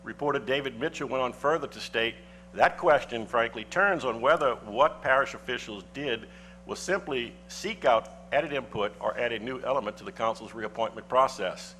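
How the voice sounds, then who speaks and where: Formal council member reading a statement. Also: male voice, medium pitch, sharp tone, slight background noise. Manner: formal, deliberate, reading legal citations. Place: council chamber.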